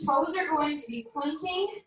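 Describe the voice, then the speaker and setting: A woman's voice: sits high, lively intonation, measured pace, fairly bright tone. A woman leading a barre workout class, counting down reps and cheering her students on in an upbeat way. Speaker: barre fitness instructor. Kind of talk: guided workout instruction with counting. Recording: very echoey room, voice from far off.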